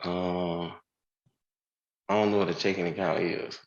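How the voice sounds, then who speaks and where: A man in his twenties testifying as a defendant, giving hesitant, halting answers, heard on a courtroom recording. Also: low-pitched, level tone. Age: 20s. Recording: roomy, dull courtroom audio.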